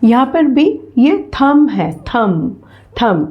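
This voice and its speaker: A woman teacher giving a bilingual phonetics lesson, slowly saying each word again and again. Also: fairly high pitch, sing-song, muffled recording. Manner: slow, repeats each word aloud.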